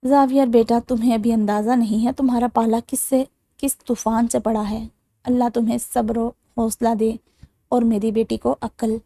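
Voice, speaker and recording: A woman's voice: on the high side, little pitch movement, warm tone, dry recording. A woman narrator voicing a middle-aged mother, exasperated and motherly. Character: worried middle-aged mother, sighing at her daughter.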